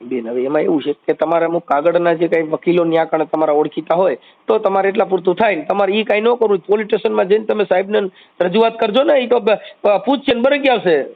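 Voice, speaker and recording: Fast-talking reassuring man on phone. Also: sits high, vocal fry. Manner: reassuring, repeats calming phrases. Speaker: social media activist taking calls. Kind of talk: phone call advice. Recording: tinny phone line.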